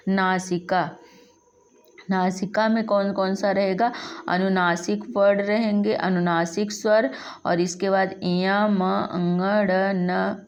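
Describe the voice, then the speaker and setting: A woman teaching a Sanskrit lesson in speech, slowly spelling out sounds one by one and repeating them. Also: lowish voice, darkish tone, highs cut off. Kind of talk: classroom lesson.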